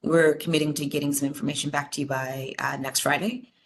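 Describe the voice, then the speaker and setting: A woman's voice: low-pitched, fairly even intonation, a little fast. A woman chairing a commission meeting over a video call, speaking with many fillers and restarts. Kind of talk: virtual meeting discussion.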